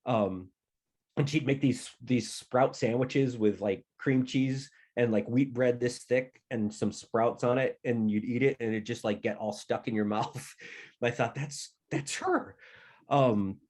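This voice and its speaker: A man, an author, casually telling the story behind his writing in a relaxed, plainspoken way. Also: medium pitch, measured pace.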